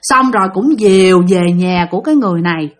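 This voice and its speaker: A woman's voice: mid-range voice, lively intonation, quick pace. A woman telling a ghost story in a casual, chatty way, addressing listeners directly.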